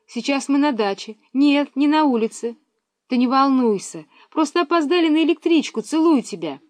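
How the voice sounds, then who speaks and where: A woman's voice: high voice, animated, normal speed, darkish tone, dry recording, pitched above the performer's own voice. A woman reading aloud and voicing a bossy, fussy schoolgirl who talks on the phone in a raised, insistent, childlike voice. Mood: reassuring.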